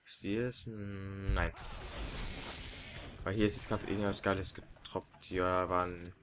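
A man with a fairly low voice gives casual let's play commentary to a partner. His talk is slangy and colloquial, with faint game noise behind. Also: little pitch movement, unhurried. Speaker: let's player.

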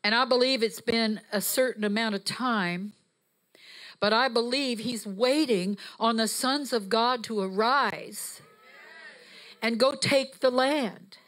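A woman's voice: a little high, slow pace, a bit bright. A woman preaching with fervor and emphatic exhortation, walking the stage with a handheld mic in a church sanctuary. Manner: fervent, emphatic, rising to exhortation; walks the stage while preaching. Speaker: guest preacher. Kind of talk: sermon. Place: church sanctuary, mid-sized, indoors. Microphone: handheld microphone.

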